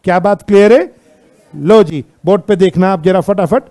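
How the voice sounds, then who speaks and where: In a warm, high voice, an Indian-accented man lectures a law class, slowly reading English passages aloud and firing rhetorical questions at students throughout.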